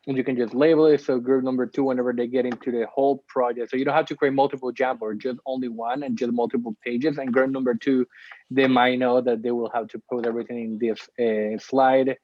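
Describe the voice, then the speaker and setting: A man presenting a step-by-step software tutorial over a video call, explaining as he goes with frequent ums. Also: medium pitch, little pitch movement, fairly quick, dry recording. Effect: heard over a video call. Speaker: workshop presenter. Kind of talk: screen-share tutorial walkthrough. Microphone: computer mic on a video call. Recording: dull, dry video-call audio.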